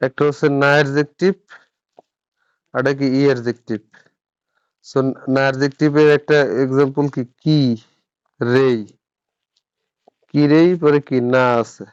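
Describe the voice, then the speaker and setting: A man's voice: medium pitch, fairly even intonation, normal speed, long pauses, dry recording, dull audio. A man teaching a live online grammar lesson, patient, repeating terms and quizzing his students. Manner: patient, repeats terms and asks the class questions. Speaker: Japanese language teacher.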